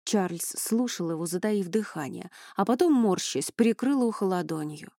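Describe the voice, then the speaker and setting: A woman narrating a fantasy novel in a measured, even reading, recorded dry and close. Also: mid-range voice, dry recording. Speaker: audiobook narrator. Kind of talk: scripted narration.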